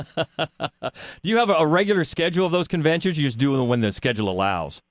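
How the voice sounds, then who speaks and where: A man's voice: fairly high pitch, brisk, no echo. Male podcast host, dry close sound. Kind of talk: casual podcast chat.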